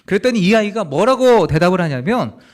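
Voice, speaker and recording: A male pastor preaching a sermon, swinging between loud urging and hushed, slow passages. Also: sits high. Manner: animated, acts out dialogue in quoted voices.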